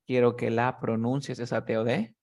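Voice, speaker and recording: A man's voice: mid-range voice, level tone, moderate pace, a little mellow. A man teaching English pronunciation one-on-one over a video call, explaining step by step and checking often that his student follows. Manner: patient, explains step by step with many checks like "¿cierto?".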